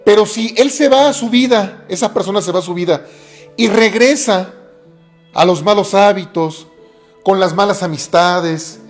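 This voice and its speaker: A preacher delivers a sermon in a mid-pitched voice. The delivery is earnest and returns again and again to key phrases for emphasis. Faint music plays underneath. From Mexico.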